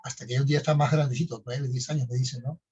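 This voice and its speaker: A man's voice: medium pitch, steady tone, quick pace, darkish tone, slightly rough, muffled recording. A man co-hosting a podcast, telling stories in a casual talk style and tagging his phrases with questions. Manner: conversational, tags phrases with "¿no?". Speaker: podcast co-host.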